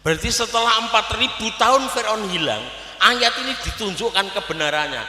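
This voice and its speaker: A man with a Javanese accent gives a humorous sermon at a live event, in a bright, forceful voice that sits a little high. He is lively and joking and keeps turning to the audience. The sound is echoey, with the long reverb of a big live setting. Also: fairly quick. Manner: lively, switching between preaching and jokes, often addressing the audience. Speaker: preacher. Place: live outdoor religious gathering.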